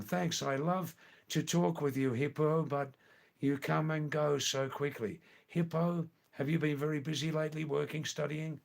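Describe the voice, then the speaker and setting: An older man with a fairly high, gravelly voice hosts a live stream. He chats casually with viewers, working through their comments slowly and ramblingly while repeating words.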